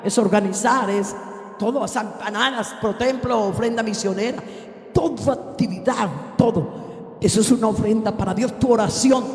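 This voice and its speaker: A woman's voice: fairly high pitch, a little mellow. A woman preaching a fervent sermon to her congregation, stretching out her key words. Her voice rings through a roomy church hall with a long reverb tail. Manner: fervent, addresses the congregation directly; drags out key words for emphasis.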